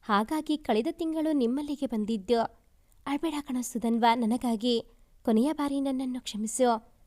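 A woman voicing a remorseful young woman who is gravely ill, read as a storybook letter in a soft, pleading tone. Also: high voice, a little slow. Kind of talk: storybook narration.

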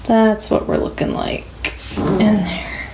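A young American woman vlogs casually to her phone, held at arm's length, first in her home kitchen and later in a moving car. Her medium-pitched, darkish voice comes slowly, with slight background noise.

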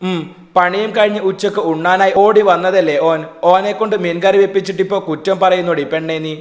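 A man voicing a frail, soft-spoken, loving elderly mother in a read-aloud story, in an echoey room. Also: high-pitched, steady tone, normal speed, close to an everyday voice. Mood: tender.

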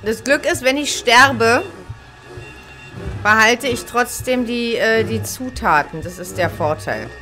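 Bright-voiced woman commentating on a horror game. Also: on the high side, lively intonation, takes it slowly, faint music behind. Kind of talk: casual let's play commentary. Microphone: headset.

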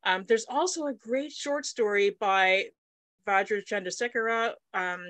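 Chatting on a video call from her home study, this author guest is a middle-aged woman from Manitoba, Canada. Her mid-range voice is a little slow and fairly bright, recorded dry through a laptop webcam mic. It's casual conversation, full of fillers and restarts as she thinks aloud.

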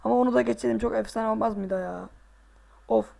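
A male gaming host with a high, fast voice and vocal fry gives casual let's-play commentary. Excitable, he groans and boasts to himself as he plays.

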